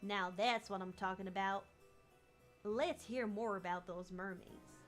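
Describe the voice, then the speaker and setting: A woman's voice: mid-range voice, fairly even intonation, measured pace, faint music behind, lightly acted. A woman voicing a flamboyant, dramatic male fantasy author in a put-on Texan accent, with theatrical, grandiose phrasing.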